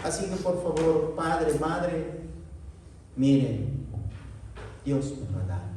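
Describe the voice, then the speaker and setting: A man preaching with a high, mellow voice, moving slowly and with fervent emotion that climbs sharply at the peaks of his sermon. He is heard from a distance in a very echoey hall, with a faint hiss underneath. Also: very animated. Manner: emotional preaching, voice rising sharply in the cries of the quoted lament. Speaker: pastor. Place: large echoey church hall.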